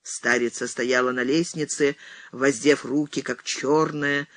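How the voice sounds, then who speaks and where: Slow, deliberate woman narrator. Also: a bass voice, fairly even intonation, a bit bright, no room sound. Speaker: audiobook reader. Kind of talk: literary audiobook narration.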